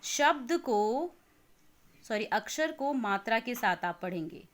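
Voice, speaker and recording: A woman teacher with an Indian accent giving an online lesson to young children, reading words slowly syllable by syllable and mixing in English words. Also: mid-range voice, expressive, fairly bright tone. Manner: slow, exaggerated syllable-by-syllable reading aloud.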